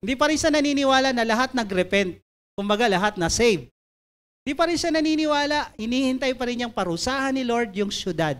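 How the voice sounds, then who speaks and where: A woman preacher giving an emphatic sermon, reading scripture slowly and asking listeners to turn to their neighbors. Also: fairly high pitch, expressive, smooth.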